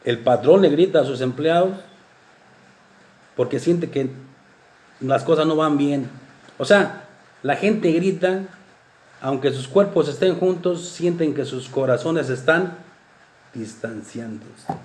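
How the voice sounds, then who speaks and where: Dramatic preacher in an echoey room. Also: male voice, takes it slowly, long pauses. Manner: dramatic, swings from loud exclamations to soft low asides. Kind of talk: sermon talk.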